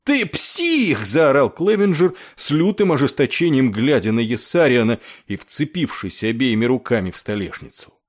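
A male narrator reading a novel aloud with dramatic emphasis. His mid-pitched voice swoops up and down widely, stressing phrases for effect. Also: lively intonation, normal speed, few pauses. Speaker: audiobook narrator. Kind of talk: expressive audiobook reading.

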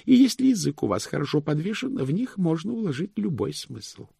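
A pompous, exacting head cashier, voiced by a man reading a storybook aloud, pitched well above the reader's own voice and swooping wildly as he lectures. The tone is husky with a gravelly edge, and the recording is close and dry. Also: big pitch swings, a little fast, dark tone, dry recording, heavily acted. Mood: lofty. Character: proud fussy older male head cashier. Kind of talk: audiobook character voice.

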